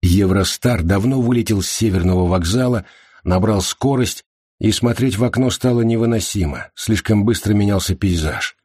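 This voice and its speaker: A man narrating an audiobook in an even, measured reading. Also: lowish voice, husky, dry recording, clean studio sound. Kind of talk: scripted narration.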